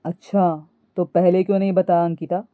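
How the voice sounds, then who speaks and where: A woman voicing a young husband who speaks in a low, firm, mildly scolding way. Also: flat delivery, moderate pace, dry recording, narrow, tinny audio, close to an everyday voice. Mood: stern. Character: young husband, patient but annoyed.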